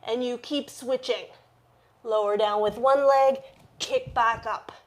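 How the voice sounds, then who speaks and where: A woman's voice: on the high side, steady tone, takes it slowly. A woman teaching a yoga class, cueing poses with short repeated commands and checking in with her students, at times out of breath. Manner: encouraging, checks in with "okay?". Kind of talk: live yoga class instruction.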